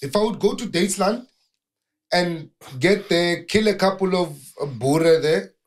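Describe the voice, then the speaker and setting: A man's voice: high voice, a little slow. A man hosting a heated conversation, firing pointed, challenging questions. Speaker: host.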